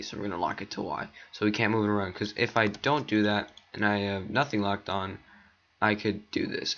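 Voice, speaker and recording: A man's voice: lowish voice, a bit bright. A man walking through a tutorial in casual talk, voice cracking now and then, rambling with lots of ums while he clicks through steps. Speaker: tutorial maker. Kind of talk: casual screen-recorded tutorial. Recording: dull lo-fi mic.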